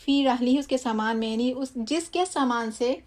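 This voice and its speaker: A woman's voice: fairly high pitch, a little mellow. Woman teaching scripture word by word. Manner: recites Arabic slowly, then explains quickly; drops English words into explanations. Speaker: Quran teacher. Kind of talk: word-by-word scripture translation lesson.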